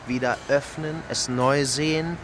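An actor declaiming a poet's maxims on walking in a literary radio feature, elevated in tone. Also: male voice, mid-range voice, fairly even intonation, measured pace, background noise, close to an everyday voice.

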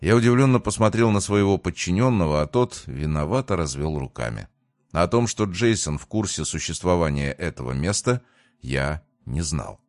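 Male narrator, low and measured, dry studio read, first-person audiobook. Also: lively intonation, darkish tone, dry recording.

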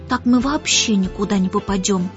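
A woman's voice: mid-range voice, normal speed, lightly acted. A woman voicing an eager, curious little boy who asks impatient questions in an audiobook. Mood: whispered grumbling. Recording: muffled audiobook with faint music.

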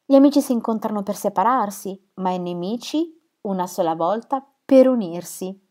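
A woman's voice: mid-range voice, normal speed, warm tone, natural voice. A woman reading as a teasing, theatrical young woman. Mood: mock-solemn.

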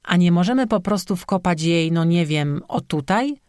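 A man's voice: high voice, expressive, moderate pace, darkish tone, smooth, no echo. A narrator voicing Fern, a grumpy, sarcastic young man who snaps at the creatures around him, in a dry recording. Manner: irritable, snapping.

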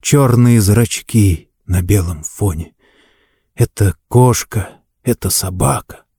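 Dark-voiced male audiobook narrator. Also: on the low side, takes it slowly, breathy edge, no echo, clean studio sound.

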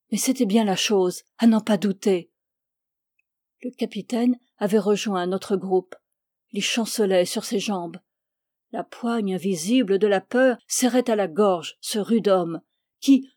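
A woman reading a classic tale aloud in a measured, expressive storytelling manner. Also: mid-range voice, dry recording, clean studio sound. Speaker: reader.

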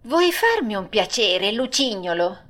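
A woman voicing Pinocchio, a mischievous wooden puppet boy, in a storybook audiobook, with a childlike manner. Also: a little slow. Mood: cheeky. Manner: high, lively childlike voice.

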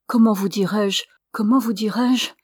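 A woman voicing an exhausted, grief-stricken young man, halting and subdued. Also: medium pitch, steady tone, a little mellow, husky, no room sound, clean studio sound. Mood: grieving, weary.

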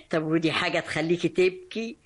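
An actress playing a sharp-tongued but doting aunt in an old Egyptian radio drama, with an Egyptian accent and a folksy manner. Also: female voice, on the low side, close to an everyday voice. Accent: Egyptian Arabic. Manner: folksy, quick to scold, affectionate. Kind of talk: vintage radio drama acting.

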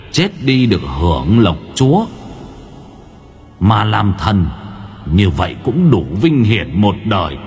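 A man's voice: lowish voice, darkish tone. A man voicing a loyal old dog spirit who speaks solemnly and humbly in an audio storybook.

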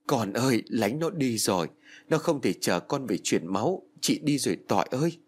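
A man's voice: medium pitch, lively intonation, normal speed, slightly rough. A man voicing a grieving mother who cries over her dead daughter, in a tearful, pleading way.

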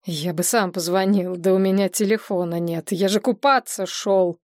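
A woman reading an audiobook, voicing an aging male writer who talks in a low, tired, strained way. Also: fairly even intonation, normal speed, a little mellow, no room sound, studio quality, lightly acted. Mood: irritated.

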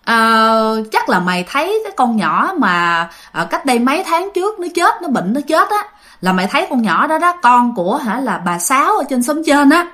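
A woman doing a gruff, stubborn village uncle. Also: high-pitched, big pitch swings, moderate pace, bright, forceful tone, heavily acted. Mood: boastful. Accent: Southern Vietnamese. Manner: gruff, defiant. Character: stubborn, fearless older village man.

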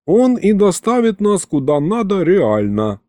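A man's voice: high-pitched, very animated, unhurried, darkish tone, no room sound, clean studio sound, voice pushed up. Man doing a cheeky slangy imp. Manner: cheeky, streetwise.

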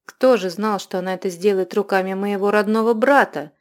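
A woman voicing a proud, cold male ghost who speaks scornfully and grows loud in anger. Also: medium pitch, a little fast, lightly acted. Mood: icy.

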